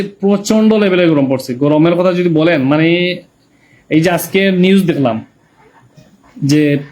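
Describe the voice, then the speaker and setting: A man's voice: high voice, a little mellow. A man with a Sylheti Bengali accent chatting casually on a live stream, reading viewers' comments and greeting them by name.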